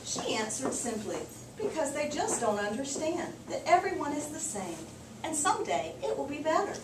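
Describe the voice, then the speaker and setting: This teacher's voice is high and sing-song, at a moderate pace, as she reads aloud and chats with a group of children in a class discussion. She habitually repeats their answers back and affirms them. A distant microphone captures the echoey, noisy room.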